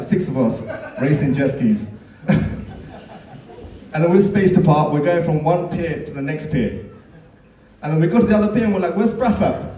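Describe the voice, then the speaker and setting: A man delivers a wedding best man's speech, teasing the groom with stories and chuckling at his own jokes. His voice is mellow and a touch high, heard from a distance in an echoey reception hall.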